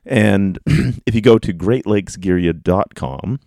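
A man hosting a podcast solo in a casual, rambling way, with halting, informal delivery. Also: fairly low pitch, vocal fry, dark tone, no room sound, clean studio sound. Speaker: podcast host. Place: basement office at home. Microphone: close podcast microphone.

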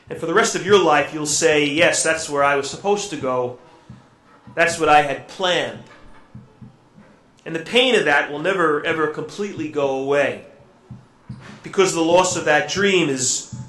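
Priest preaching in cathedral echo. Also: male voice, fairly high pitch. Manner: gentle and reflective, with halting fillers in his own words. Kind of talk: Gospel reading and homily at Mass. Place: church during Mass. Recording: echoey church room.

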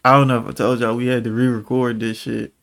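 A man's voice: medium pitch, little pitch movement, fast talker, vocal fry, fairly bright tone. A tired man co-hosting a casual podcast, profane, slangy and teasing, his speech slightly slurred by a grill in his teeth. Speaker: podcast co-host.

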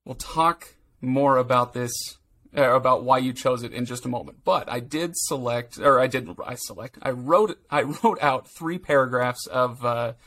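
A man's voice: mid-range voice, moderate pace, fairly bright tone. A man hosting a podcast, joking with his guests, laughing often and reading out a recap. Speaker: podcast host. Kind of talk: casual chat and read recap.

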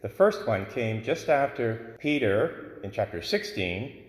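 A man, a priest, reading the gospel and preaching a homily in a measured, explanatory way, his voice ringing with cathedral echo. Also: medium pitch, very animated. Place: large church. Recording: echoey church with long reverb.

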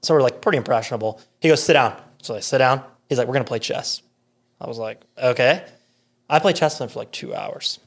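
A man with an American accent, a podcast guest, telling a story in casual, animated chat with lots of fillers and quoted voices. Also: mid-range voice, fast.

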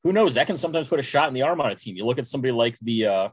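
A man from Texas co-hosting a sports podcast, talking in a smooth, measured radio-announcer way. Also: mid-range voice, lively intonation, no echo. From Dallas, Texas, US. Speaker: podcast co-host. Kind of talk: casual podcast chat.

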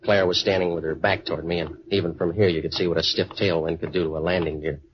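An actor playing a wisecracking American private eye in a 1940s radio noir, deadpan and clipped. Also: male voice, low-pitched, quick pace, noisy background, natural voice. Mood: wry. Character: hard-boiled wisecracking male waterfront private eye. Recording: dry, muffled 1940s radio recording.

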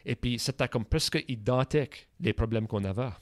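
A man's voice: medium pitch, moderate pace, no echo. Man hosting, dry close sound. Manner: conversational, drops English words. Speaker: podcast host. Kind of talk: casual interview.

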